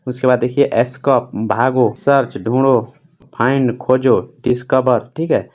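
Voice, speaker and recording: Man briskly reading vocabulary list. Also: medium pitch, steady tone, a little mellow. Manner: brisk, repetitive, fills pauses with "thik hai". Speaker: English vocabulary teacher. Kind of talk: reading a word list with Hindi meanings.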